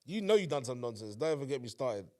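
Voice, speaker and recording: A man in his thirties from England, co-hosting a podcast in relaxed, teasing casual chat. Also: mid-range voice, fast talker. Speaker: podcast co-host.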